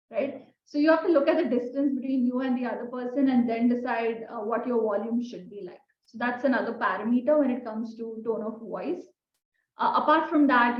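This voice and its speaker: A woman teaches a communication class, her voice sitting a little high. She talks in a conversational way and keeps turning questions back to her listeners. The recording sounds roomy and somewhat dull. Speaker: communication skills trainer. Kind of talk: recorded lesson. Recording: echoey room, dull sound.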